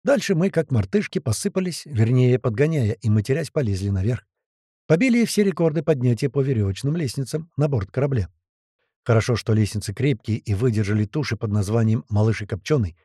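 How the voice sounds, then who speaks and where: A man reading a first-person audiobook with tense, lively storytelling. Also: mid-range voice, a little fast, slightly rough, dry recording, clean studio sound. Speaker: audiobook narrator.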